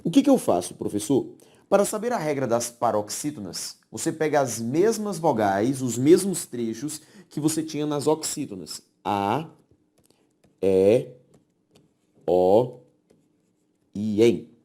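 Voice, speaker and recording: Animated Brazilian grammar teacher lecturing. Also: male voice, medium pitch. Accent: Brazilian Portuguese. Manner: explains slowly, repeats key words, checks understanding often. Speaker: Portuguese grammar teacher for exam prep. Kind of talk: classroom lecture.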